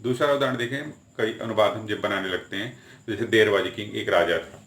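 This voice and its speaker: A man teaching English articles in Hindi, giving English example sentences and saying them slowly and deliberately. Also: on the low side, fairly bright tone, echoey room. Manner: slow, deliberate spelling out of examples. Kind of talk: explaining grammar with Hindi examples.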